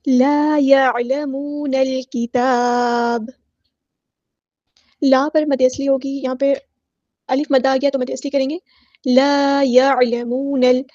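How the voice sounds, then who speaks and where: High-voiced woman teaching tajweed. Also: a little mellow, dry recording, muffled recording. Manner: patient, explains each rule step by step; drawn-out melodic recitation of verses. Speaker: Quran recitation teacher. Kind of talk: tajweed lesson with slow recitation.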